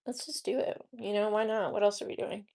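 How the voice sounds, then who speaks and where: A woman's voice: medium pitch, steady tone, fairly quick, darkish tone. A woman chatting casually on a live stream at home, rambling fondly and talking to her houseplants. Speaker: livestreamer offering paid personal readings. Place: her own home, indoors.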